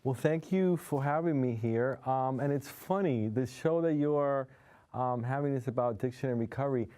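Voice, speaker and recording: On a TV studio set, a guest hypnotherapist from New York City, Spanish being his first language, speaks with heartfelt, open conviction and earnest candor. His mid-range voice is mellow and moves at normal speed.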